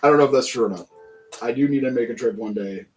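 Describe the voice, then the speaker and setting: A man's voice: medium pitch, fast, over music, poor audio. An American man hosting a livestream, chatting casually and rambling through rhetorical questions while he builds. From United States. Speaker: livestream host building toy bricks.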